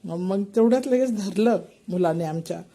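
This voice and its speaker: An older woman chats casually with her pet cats at home, cooing baby-talk at them as if narrating a home video. Her voice is warm and mid-pitched, moving at normal speed.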